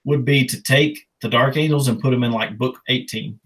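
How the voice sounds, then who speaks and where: A man's voice: medium pitch, steady tone, normal speed, fairly bright tone, slight background noise, rough recording. A man chatting casually on a podcast, enthusiastic and rambling, swearing freely. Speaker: podcast co-host.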